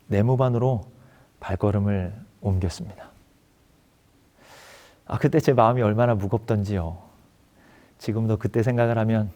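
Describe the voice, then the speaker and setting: A man's voice: lowish voice, warm tone. A man preaching a sermon as pastor, earnestly telling a personal story and acting out its dialogue. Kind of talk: sermon testimony.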